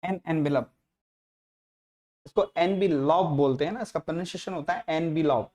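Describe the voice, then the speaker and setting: A man's voice: on the high side, normal speed, darkish tone. Man teaching grammar class. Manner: repetitive, checks in with frequent tag questions. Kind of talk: classroom lecture explaining English grammar.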